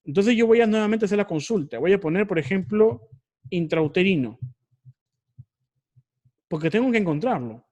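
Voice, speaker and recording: A man's voice: high voice, animated, normal speed, long pauses, darkish tone. A man teaching an online research class, explaining step by step and often repeating or correcting himself.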